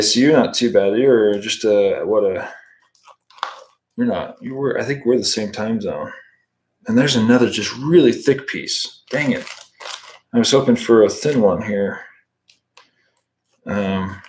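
A man in his thirties from the United States, with a lowish voice and a measured pace full of pauses, teaches fly tying casually on a livestream from home. He's relaxed and chatty, replying to viewer comments as he works, with a little hiss or hum in the audio.

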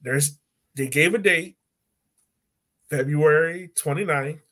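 Recording from home over a video call, this podcast host, an American in his thirties, talks sports casually with jokes and strong opinions. His voice is on the high side and fairly bright, and he takes his time.

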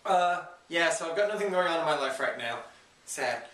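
A man's voice: a little high, lively intonation, a little fast, fairly bright tone. A man chatting casually to camera in an informal, self-deprecating, joking way as a challenge vlogger. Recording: roomy echo, distant microphone.

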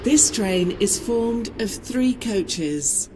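A very slow train PA announcer. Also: female voice, on the high side, expressive, rough recording. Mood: formal. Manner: clipped, list-like reading. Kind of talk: recorded calling-point announcements. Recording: game audio over loud train noise.

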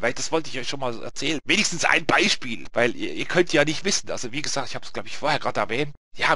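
A man casually chatting to his viewers, rambling and animated, with many restarts and tag questions. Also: medium pitch, breathy edge, no room sound. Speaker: let's play gamer.

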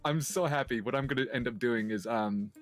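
A man's voice: medium pitch, fairly quick, faint music behind. A young man chatting casually as co-host of a game stream. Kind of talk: casual gaming chat.

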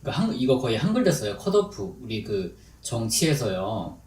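A man teaching business English in a chatty lecture, drilling English phrases slowly and deliberately. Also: medium pitch, sing-song, darkish tone. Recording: echoey room, distant mic, faint noise.

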